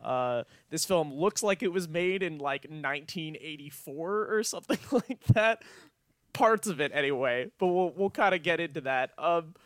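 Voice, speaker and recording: A young man with a fairly high, clean voice chats casually as a podcast co-host. He is irreverent and free with swearing, and the sound is close and dry. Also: moderate pace, a bit bright, no room sound. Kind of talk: casual chat about a film.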